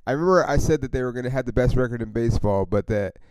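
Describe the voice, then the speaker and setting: A man's voice: medium pitch, very fast, background noise. A man hosting a casual solo sports podcast, rambling and swearing with lots of fillers as a frustrated fan. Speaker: podcast host.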